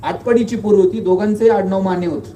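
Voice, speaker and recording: A man with a high, mellow voice delivers a motivational speech, spinning humorous stories and pressing the crowd with rhetorical questions. He sounds set back from the mic in an echoing hall, with faint noise behind. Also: steady tone, fast, distant mic. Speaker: guest speaker.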